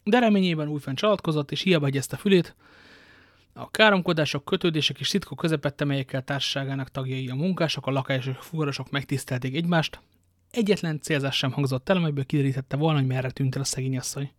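A man's voice: medium pitch, no room sound. Dry close-miked male audiobook reader. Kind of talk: novel narration with joking asides.

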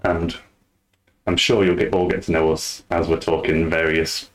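A man hosting a casual podcast chat, talking in a relaxed, rambling way. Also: sits low, normal speed. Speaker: podcast host.

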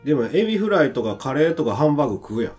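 A man with a Kansai Japanese accent chats on a podcast, teasing his co-host and laughing easily. His voice sits a little high and moves with lively swings in pitch, with soft music faintly underneath. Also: very fast. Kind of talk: casual chat.

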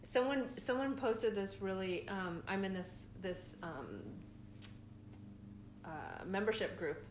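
A woman's voice: medium pitch, takes it slowly. A middle-aged woman co-hosting a podcast in casual chat, rambling with lots of fillers and frequent laughter. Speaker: podcast co-host. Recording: echoey room, faint noise.

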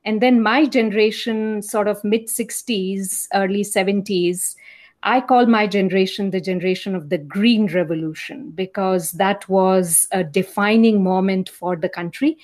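A woman in her fifties from India, an associate professor with an Indian accent, appears as a guest in a conversational interview. Her mid-range, darkish voice carries thoughtful, reflective storytelling.

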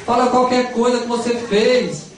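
A man's voice: very high voice, steady tone, moderate pace, slight background noise, pitched above the performer's own voice. A man doing a pleading fatherly angel. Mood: coaxing. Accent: Brazilian Portuguese. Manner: fatherly, coaxing, increasingly anxious. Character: gentle pleading male guardian angel. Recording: echoey hall from far off.

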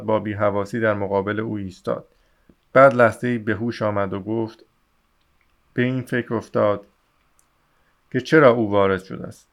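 A man reading a novel aloud as an audiobook narrator in a steady, even voice. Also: mid-range voice. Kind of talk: scripted literary narration. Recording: slightly dull lo-fi audio.

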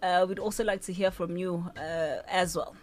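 A woman's voice: lowish voice, steady tone, moderate pace, a little mellow, soft background music. A South African woman presenting casually live on radio as host, with a South African accent.

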